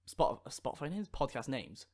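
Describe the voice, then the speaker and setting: A man's voice: mid-range voice, wildly swooping pitch, moderate pace, darkish tone, husky. A man co-hosting a podcast, chatting in a jokey, cheeky way. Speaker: podcast co-host. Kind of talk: casual chat.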